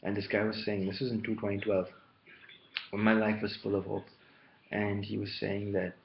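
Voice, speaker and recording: A man's voice: lowish voice, flat delivery, moderate pace, vocal fry. A man talking to camera in a rambling solo monologue, wandering from one topic to the next, on a muffled lo-fi recording with faint hiss. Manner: meandering, jumping between topics. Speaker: vlogger.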